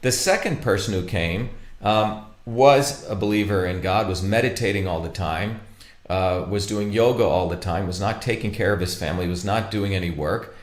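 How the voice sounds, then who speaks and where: A man from India, giving an informal lecture with stories, halting and full of fillers and restarts. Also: low voice, echoey room. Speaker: speaker presenting a talk.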